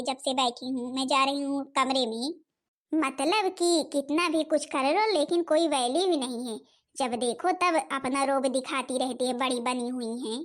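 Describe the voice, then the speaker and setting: A woman's voice: very high-pitched, a bit bright. A woman voicing a stingy, bossy young stepmother who scolds and complains in a cartoon. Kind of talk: cartoon voice acting.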